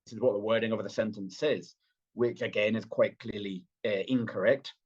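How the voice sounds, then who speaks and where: A guest on a remote podcast, this party official from Britain speaks at normal speed in a lowish, steady voice with a breathy edge. His British accent shows a touch of Venezuelan influence, and he talks fluently but with many fillers and restarts over lo-fi sound.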